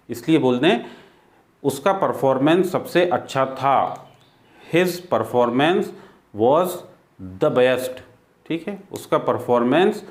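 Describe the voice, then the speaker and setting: A man with an Indian accent teaching a spoken English lesson, explaining patiently and repeating words for drill. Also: fairly high pitch.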